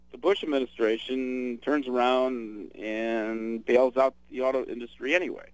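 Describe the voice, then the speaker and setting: A man's voice: mid-range voice, dry recording, low-quality recording. A man hosting a radio talk show, chatting casually about politics with many fillers and restarts.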